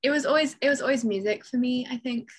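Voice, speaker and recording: A young adult woman from South Africa speaks as a podcast guest. Her voice sits somewhat high, and she talks in a relaxed, reflective way with many fillers. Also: quick pace, breathy edge. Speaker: guest musician. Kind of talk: podcast interview.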